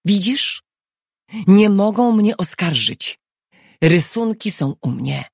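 A tense, determined husband from a storybook, read by a woman speaks in clipped, urgent phrases. The voice is husky and gravelly, slow, with a dry, close sound. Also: medium pitch, animated, dry recording, voice pushed up, full character voice. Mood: tense, firm. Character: tense, resolute husband accused of treason.

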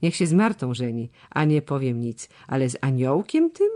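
A reader voicing an old treasurer who lisps and stammers, a sharp, scornful critic in an audiobook. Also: medium pitch, wildly swooping pitch, normal speed. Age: older. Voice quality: lisping, stammering. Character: old male treasurer, sharp-tongued and grumbling. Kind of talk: audiobook character voice.

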